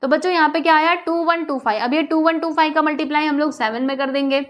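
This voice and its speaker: A woman's voice: sits high, steady tone, quick pace. A young woman teaching a math lesson in a chatty, coaxing way, often asking her students questions and mixing in English terms. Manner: mixes English terms into explanations.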